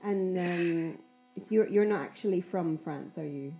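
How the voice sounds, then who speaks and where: A woman's voice: fairly low pitch, unhurried, mellow, breathy edge, poor audio. A woman hosting a conversational podcast interview, talking like an English tutor.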